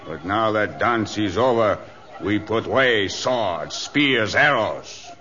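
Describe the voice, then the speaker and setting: In an old radio adventure, a man plays a proud, scheming chief, declaiming in broken English. His voice is low, forceful and slow, animated and heavily acted, with a fierce, commanding mood, heard through a dull, lo-fi recording.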